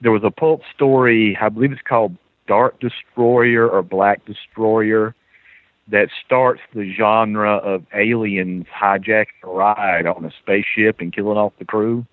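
A Southern man appears as a guest author on a podcast, chatting casually and chuckling often as he tells his stories animatedly. His voice is lowish with fairly even intonation and a slightly slow pace. It comes through thin, tinny phone-line audio with no room sound.

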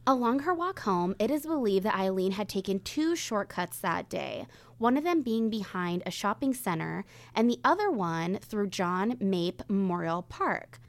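A woman narrates true crime in a suspenseful, solemn and measured way, pausing for drama. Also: medium pitch, sing-song, no room sound. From Northern California. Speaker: co-host of a true crime podcast.

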